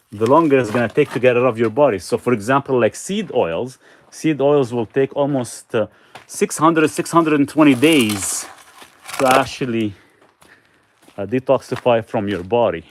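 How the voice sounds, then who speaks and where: A man's voice: medium pitch, a little hiss or hum. A man hosting a casual live stream, answering viewers' questions in a loose, rambling way with frequent restarts.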